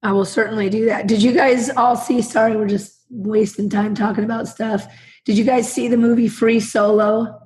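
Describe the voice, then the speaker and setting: A woman co-hosting a casual podcast in a chummy, slangy way, with a hoarse smoker's rasp and a congested sound from a sinus bug. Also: a little high, little pitch movement, moderate pace, a little mellow, slight background noise. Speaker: podcast co-host.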